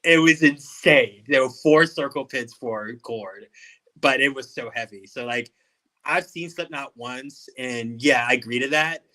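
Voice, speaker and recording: A man speaking as an interviewer in a casual music chat, telling things in an animated, emphatic way. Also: medium pitch, measured pace, poor audio.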